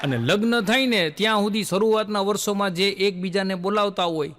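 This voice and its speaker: A man's voice: sits high, fairly quick, noisy background. A male stand-up comedian, telling folksy jokes and acting out the lines of his characters.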